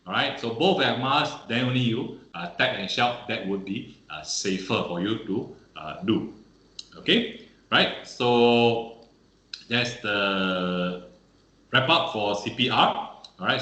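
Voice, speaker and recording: A man's voice: mid-range voice, pushed and bright, roomy sound, poor audio. A man teaching first aid on an online webinar, peppering his speech with "all right" and "okay".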